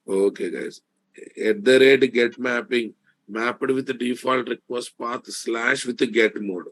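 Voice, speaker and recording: A man's voice: mid-range voice, fairly even intonation, unhurried. A man with a Telugu Indian accent lecturing live online as a programming instructor, repeating statements emphatically and checking in with rhetorical questions.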